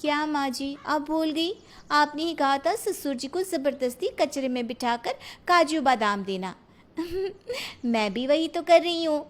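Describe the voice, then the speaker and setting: A woman's voice: high voice, measured pace. A woman voicing a cheerful young bride who mishears everything in a cartoon. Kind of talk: cartoon voice acting.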